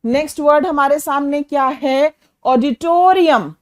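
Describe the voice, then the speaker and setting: Woman teacher with a high, bright voice; quizzes her class and checks they follow, slowing to spell out words. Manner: asks students questions and often checks with "okay" and "clear"; slows down to spell and define words in English. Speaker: English vocabulary teacher. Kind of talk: Hinglish classroom lesson.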